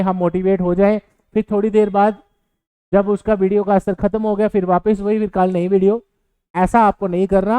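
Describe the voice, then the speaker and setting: Earnest male coaching teacher, mellow voice. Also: sits high, smooth, dry recording, rough recording. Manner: earnest, advising, with fillers and English words mixed in. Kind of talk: motivational lecture to exam aspirants.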